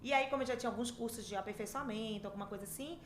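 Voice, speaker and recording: Racing along in a fairly high voice, a dentistry professor in her fifties shares her story as a podcast guest, lively and chatty. She's from Manaus and has an Amazonas Brazilian Portuguese accent. The casual interview chat has an echoey room sound and faint hiss in the background.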